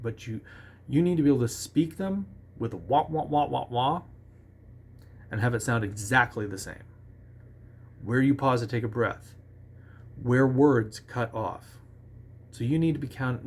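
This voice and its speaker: A man giving a relaxed, conversational songwriting lesson, talking with restarts and sometimes singing short nonsense syllables as examples. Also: mid-range voice. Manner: self-assured about his own lyric writing. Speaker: songwriting teacher. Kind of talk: casual instructional talk.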